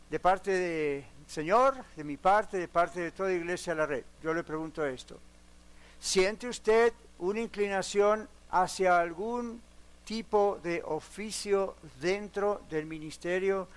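A man's voice: high voice, clean tone. A man preaching a sermon in a church, speaking earnestly and putting direct questions to the congregation, with a few English words mixed in. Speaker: pastor. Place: church sanctuary. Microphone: broadcast on radio and online.

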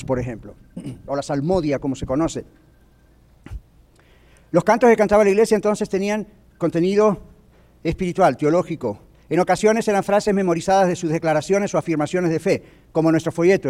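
Male pastor, rapid sermon delivery, question-driven teaching style, occasional English asides. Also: fairly high pitch, a little mellow. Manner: asks the audience frequent questions; drops into English words now and then.

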